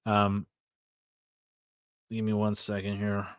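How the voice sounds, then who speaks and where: An American podcast host in his forties, from California, runs a casual livestream, reading viewer comments aloud while rambling with fillers and restarts. His voice is lowish, monotone and slow, a bit bright, with a clear, resonant tone and no room sound.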